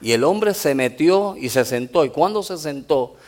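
A male pastor preaching a sermon, telling stories in an animated way and often saying amen. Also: a little high, normal speed. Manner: animated storytelling, punctuated with amens. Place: church in the United States.

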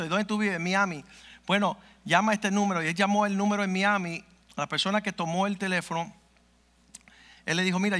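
A man's voice: high voice, pushed and bright. A male pastor telling a testimony in a sermon, acting out the dialogue as he goes. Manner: vivid storyteller acting out dialogue.

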